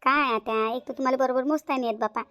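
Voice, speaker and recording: A woman's voice: high voice, fairly even intonation, fairly bright tone, dry recording, soft background music. A woman voicing a scheming young daughter-in-law in a cartoon, patronizing and bossy. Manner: patronizing, fast-talking. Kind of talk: cartoon voice acting.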